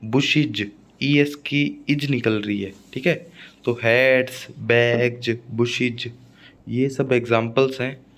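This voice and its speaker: A man's voice: mid-range voice, fairly even intonation, takes it slowly, fairly bright tone. A male English teacher with a Rajasthani Hindi accent, giving an exam-prep phonetics lesson and repeating each word with "है ना" checks. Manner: explains by repeating words and asking "है ना".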